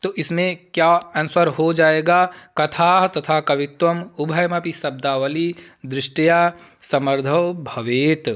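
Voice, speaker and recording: Male exam-prep tutor, fairly high voice, reads options slowly and explains plainly. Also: fairly even intonation, fairly bright tone, clear, resonant tone. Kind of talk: Hindi exam-prep lesson with slow Sanskrit reading.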